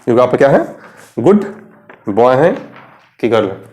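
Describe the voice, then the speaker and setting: Standing at a board, a young Indian man runs a chatty English vocabulary lesson, posing questions to viewers before supplying the answers. His medium-pitched voice is sing-song and darkish, at a moderate pace.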